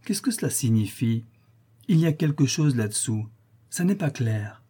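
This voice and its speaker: A man's voice: mid-range voice, big pitch swings, moderate pace, warm tone, slightly rough. A man voicing a curious, gossiping older woman who exclaims. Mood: nosy.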